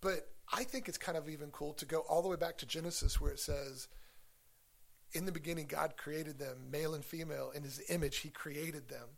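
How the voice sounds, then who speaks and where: A man's voice: on the high side, steady tone, fairly quick, creaky. A man co-hosting a casual church discussion podcast, talking through his ideas earnestly with frequent restarts. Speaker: podcast co-host.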